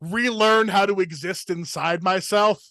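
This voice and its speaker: Brief: young male comedian-host, slightly high voice, rambling and filler-heavy, dry close recording. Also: sharp tone, no echo. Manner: rambling, filler-heavy, fast torrent of words. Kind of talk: casual podcast chat.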